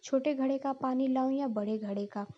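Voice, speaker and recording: A woman's voice: high voice, fairly even intonation, moderate pace, muffled recording. A woman voicing a silly, literal-minded young daughter-in-law in a cartoon story, naive and earnest.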